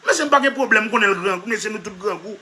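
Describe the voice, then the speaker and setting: A comedy vlogger's high voice comes out pushed and bright at a quick pace. His comic monologue is emphatic and full of repetition, punctuated by half-laughs, and he keeps addressing "monsieur."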